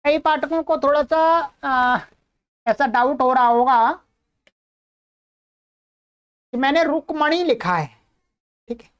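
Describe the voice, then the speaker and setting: A woman teaching Sanskrit in a recorded lesson, going over an answer sheet with a patient, explaining manner. She reads translations and examples slowly, word by word, and keeps checking in with the listener. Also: high-pitched, lo-fi sound.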